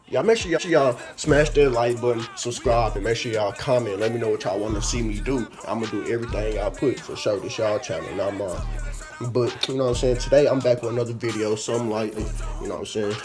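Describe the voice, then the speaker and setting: A young man hosting a casual vlog in a relaxed, slangy way, often filling with "you know what I'm saying", with music playing behind him. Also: mid-range voice, fairly quick. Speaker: YouTuber host.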